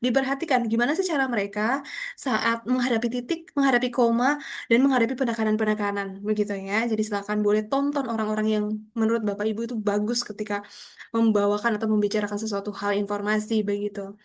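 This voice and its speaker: A woman's voice: mid-range voice, steady tone, quick pace. A young woman lecturing a public speaking class over a video call, explaining patiently with frequent tag questions. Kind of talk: online class instruction.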